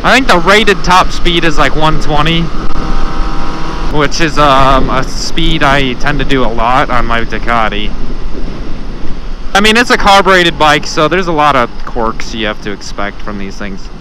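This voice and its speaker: A man's voice: fairly high pitch, expressive, measured pace, rough recording. A man giving casual commentary from inside a motorcycle helmet while riding outdoors, as a motorcycle vlogger. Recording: loud wind and engine noise. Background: engine, wind and road noise.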